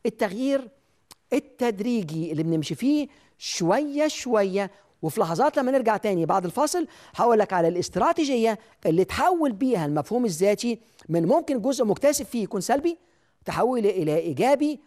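A man's voice: sits high, big pitch swings, fast, darkish tone. A man with an Egyptian Arabic accent hosting a self-help TV show, giving an emphatic motivational talk straight to the viewer.

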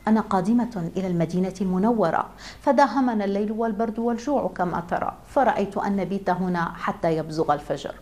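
A woman's voice: mid-range voice, fast talker, a little mellow, close to an everyday voice. A woman reading a weary, plaintive mother. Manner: plaintive, reproachful. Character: poor, weary widow mother pleading.

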